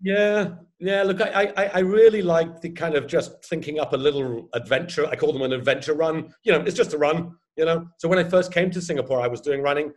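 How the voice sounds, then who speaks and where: A man in his fifties, an ultra runner chatting casually about his races, self-deprecating and quick to laugh. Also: on the high side. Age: 50s. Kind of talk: casual chat.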